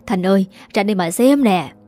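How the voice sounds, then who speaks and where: A woman's voice: mid-range voice, lively intonation, a little fast, mellow, lightly acted. A woman reading as a screaming furious village aunt. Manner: screaming insults.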